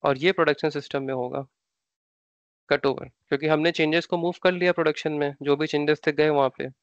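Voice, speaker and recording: A man's voice: fairly high pitch, steady tone, a little fast, no room sound, highs cut off. Indian man teaching an online class. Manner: explanatory, repeats terms, asks rhetorical questions. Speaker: SAP training instructor. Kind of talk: live online class lecture.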